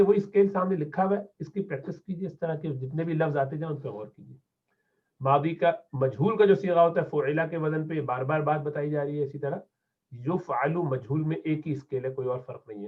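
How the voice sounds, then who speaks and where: A man teaching an Arabic lesson, patiently repeating words slowly so learners catch the pronunciation. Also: fairly high pitch. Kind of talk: classroom lesson lecture. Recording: tinny phone-like lo-fi audio.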